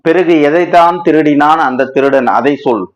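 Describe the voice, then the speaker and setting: A man reading as a calm, pressing friend. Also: on the high side, normal speed, lightly acted, low-quality recording. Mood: questioning. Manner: steady, questioning, urging the other to speak plainly. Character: calm male friend, patient but pressing. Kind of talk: storybook reading.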